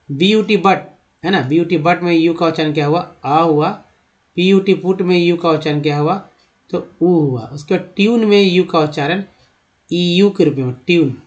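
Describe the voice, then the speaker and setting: An English teacher with a fairly high, somewhat dark voice walks through an explanatory lesson patiently, one step at a time. He poses questions, answers them himself, and calls his viewers friends, all over dull, muffled lo-fi audio.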